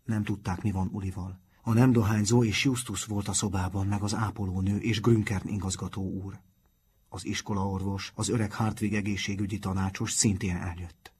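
A man reading a children's novel aloud in a calm, measured audiobook narration. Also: deep voice, husky.

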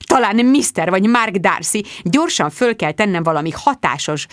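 A woman narrating a comic diary audiobook in an expressive, breathless manner. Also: mid-range voice, no echo, clean studio sound.

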